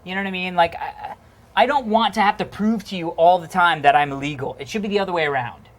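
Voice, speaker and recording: A man co-hosting a casual chat show, joking around loudly and swearing freely. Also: high-pitched, fast talker. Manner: animated, profane, joking. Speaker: co-host.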